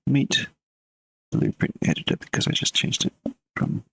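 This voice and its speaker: At a moderate pace and with no echo, a man streams himself coding a game live. He's relaxed, muttering as he works, thinking aloud, and chatting casually with his viewers between stretches of code.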